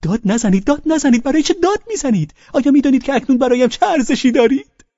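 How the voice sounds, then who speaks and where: A man voicing a drunk, excitable, fawning middle-aged husband who pleads and insists in a high, strained, husky voice for an audiobook. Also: no room sound, dull audio, full character voice. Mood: frantic pleading.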